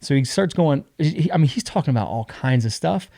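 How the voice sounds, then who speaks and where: Animated man telling a wild story. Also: a little high, fairly quick, gravelly, no room sound, clean studio sound. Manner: animated, acts out other people's lines. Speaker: podcast guest. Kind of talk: casual storytelling.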